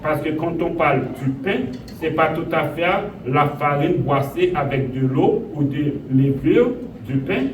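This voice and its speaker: A male pastor from Haiti delivers a sermon at a deliberate, unhurried pace, his voice sitting a little high for a man. He repeats phrases and pushes some words up in emphasis. The sound is roomy and distant, with clear background noise from the church. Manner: slow, repetitive preaching with emphatic rises. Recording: echoey room, voice from a distance, audible noise.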